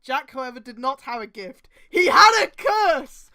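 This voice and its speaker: Reading fan fiction on stream, a woman uses a high, very animated voice at a slightly slow pace. Her delivery is mockingly dramatic, peppered with casual, profane, exasperated asides and outbursts that tip into laughter and shouting.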